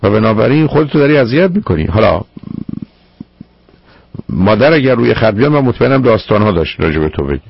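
Gravelly male radio advice host. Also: fairly low pitch, very animated, long pauses, dry recording, dull audio. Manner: probing, lecturing, firm. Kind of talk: call-in advice counseling.

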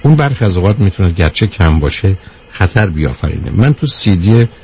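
A man giving a measured talk to a live audience, counting off his points one by one and answering a question from the room. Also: low voice, very animated, darkish tone, a little hiss or hum. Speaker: speaker on anger management.

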